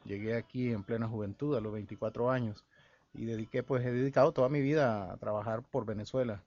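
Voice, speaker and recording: A man from El Salvador, a guest musician and researcher, talks in a radio interview, pausing often with fillers and restarts. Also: medium pitch, steady tone, darkish tone. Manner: halting, with many fillers and restarts. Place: radio studio. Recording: dull lo-fi radio broadcast.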